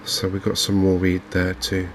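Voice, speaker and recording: This gaming video host is an English man who murmurs ASMR-style commentary over a game in a low, soft voice. He speaks with an extremely steady evenness, a gravelly edge, and an unhurried, slightly hesitant, reflective manner. Open windows and fans add a faint hum behind him.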